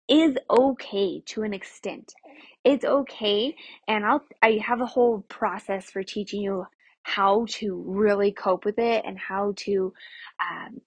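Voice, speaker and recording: 30s woman chatting on her podcast, kinda high, breathy, super upbeat and friendly. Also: dry recording. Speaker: podcast host, dietitian. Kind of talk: casual podcast chat.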